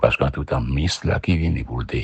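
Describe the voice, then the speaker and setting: Very deep, rasping Haitian man. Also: moderate pace, no room sound, muffled recording. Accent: Haitian Creole. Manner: mixes Creole and French, animated retelling. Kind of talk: personal testimony.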